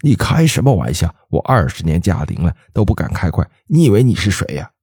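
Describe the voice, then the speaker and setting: A man playing a gruff, scornful veteran driver in a ghost story, husky voice. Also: sits low, very animated, a little fast, a little mellow, no echo, clean studio sound, full character voice. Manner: grumbling, scornful.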